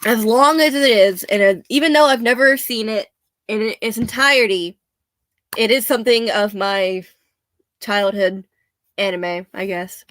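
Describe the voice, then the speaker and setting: A young woman, a bit hoarse, chatting casually and laughing often as she rambles. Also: a little high, a little slow, a bit bright, no echo. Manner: chatty, laughs often, self-deprecating asides. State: slightly hoarse.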